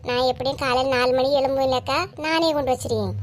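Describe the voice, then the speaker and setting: A woman voicing a patient village woman who tends cattle, speaking in a Kanyakumari Tamil accent with a mild, steady, accommodating manner. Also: high voice, quick pace, slight background noise, pitched below the performer's own voice, natural voice.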